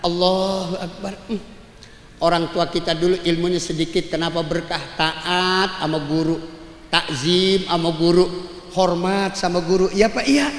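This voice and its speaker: A man's voice: very high voice, pushed and bright. A man preaching a humorous Maulid sermon, joking and calling out to the audience for replies. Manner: chants the call to prayer to illustrate. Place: large hall at a religious gathering. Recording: echoey hall with long reverb.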